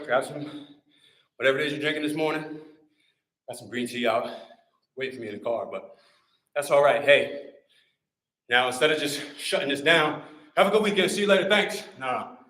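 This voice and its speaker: Energetic male fitness coach in a roomy space. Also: medium pitch, moderate pace, pauses often. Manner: energetic, encouraging, repeats short cues. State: breathing a little hard. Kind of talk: live workout coaching. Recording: roomy echo.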